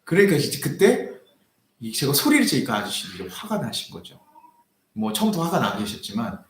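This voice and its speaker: Lively male pastor in echoey church. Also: a little high, fairly quick. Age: young adult. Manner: animated, acts out quoted arguments in raised voice. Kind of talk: sermon storytelling. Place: church sanctuary.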